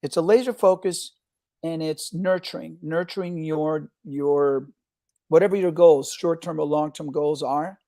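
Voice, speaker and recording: A man's voice: a little high, steady tone, measured pace, dark tone, no echo, studio quality. A middle-aged man from Argentina, a film director talking energetically as an interview guest, often restarting his words. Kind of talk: casual interview talk.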